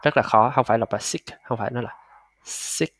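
A man teaching English pronunciation, patiently repeating and drilling each sound slowly. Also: medium pitch, steady tone, fairly bright tone, dry recording. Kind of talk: pronunciation lesson.

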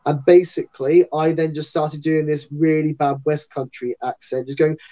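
A man's voice: fairly high pitch, little pitch movement, moderate pace, mellow, rough recording. A man entertainer chatting as an interview guest, a rambling, talkative storyteller. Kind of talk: casual interview chat.

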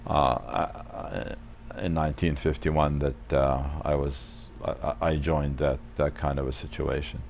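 A man in his sixties from Palestine sits for a studio interview. His voice sits very low, and he speaks in a measured way, pausing often with fillers. A faint hiss runs under the lapel mic. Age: 60s. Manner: measured, many hesitations. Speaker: guest.

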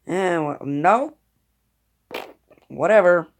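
Guy muttering sarcastic stuff while he plays, kinda gravelly voice. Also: high-pitched, expressive, extremely slow. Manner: grumbling, sarcastic self-talk. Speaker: gamer. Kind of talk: casual gameplay commentary.

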